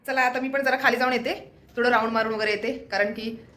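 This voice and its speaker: A woman's voice: a little high, steady tone, fast, pushed and bright. A young woman chatting casually to her viewers at home as a family vlogger, laughing often and cooing at her pet bird. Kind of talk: casual chat to camera.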